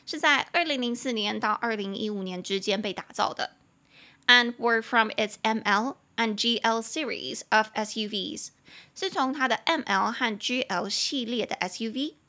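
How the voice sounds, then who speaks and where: A young woman runs a relaxed English lesson podcast, slowly spelling out and explaining words with a lively, self-amused air. Her voice is on the high side.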